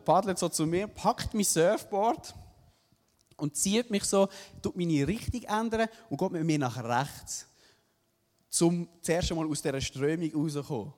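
Man, Swiss German accent, young adult, animated storytelling, high-pitched, reverberant hall. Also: unhurried. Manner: animated, tag questions "oder?". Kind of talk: live personal storytelling.

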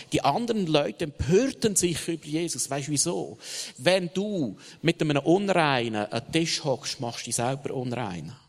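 A man with a Swiss German accent preaching a sermon, passionate, swinging between loud emphatic bursts and hushed asides. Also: fairly high pitch. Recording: long hall reverb.

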